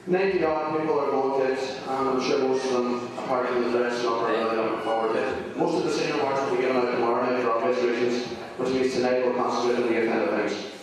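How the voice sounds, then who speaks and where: A man's voice: medium pitch, fairly even intonation, fast, few pauses, crowd noise. A man compering a club awards night, formal with dry humour, speaking into a handheld microphone in a large hall. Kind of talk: public announcing at an awards night. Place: large community hall, indoors. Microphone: handheld microphone, heard from the camera. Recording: echoey hall from far off.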